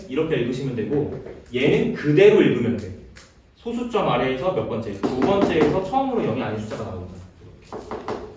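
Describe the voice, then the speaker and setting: A male math teacher lectures in a lively, rising-and-falling voice, stopping every few lines to ask students if they follow. He sounds distant from the mic, and the classroom echo is heavy. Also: a little high. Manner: checks in constantly with short questions, mixes casual and polite speech. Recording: roomy, distant classroom recording with faint noise.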